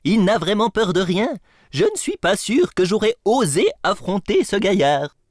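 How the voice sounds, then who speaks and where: A woman's voice: mid-range voice, sing-song, normal speed, darkish tone, lightly acted. A woman voicing a boastful, playful cartoon kid character.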